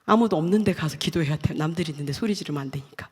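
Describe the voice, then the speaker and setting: A middle-aged woman giving a heartfelt testimony at a church, speaking earnestly in short listed phrases that sometimes fall to a hush. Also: sits low, racing, breathy edge, long reverb tail. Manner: earnest, stacks short listed phrases, drops to hushed tones. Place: church hall.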